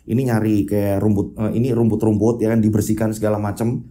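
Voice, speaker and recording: A man's voice: on the low side, flat delivery, a little fast, mellow. A man telling a horror story in a chatty, casual way, often tagging sentences with ya kan. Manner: chatty, repeats tags like ya kan.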